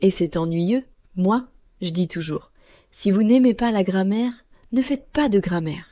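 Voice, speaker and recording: A woman co-hosting a learners' podcast, speaking clearly and slowly like a teacher. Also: medium pitch, dark tone, no echo, clean studio sound. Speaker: podcast co-host. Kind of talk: scripted podcast dialogue for learners.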